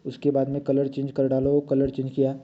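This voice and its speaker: Man teaching while drawing, dark lo-fi sound. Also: medium pitch, monotone, a little fast. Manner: talks while drawing, many checks like "right?". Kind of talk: drawing lesson. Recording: dull lo-fi sound.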